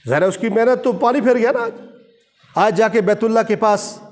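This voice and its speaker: Male preacher, sermon delivery, high voice, emphatic and rhythmic. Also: darkish tone. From Kashmir. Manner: emphatic, rhythmic repetition of short phrases. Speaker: mosque preacher.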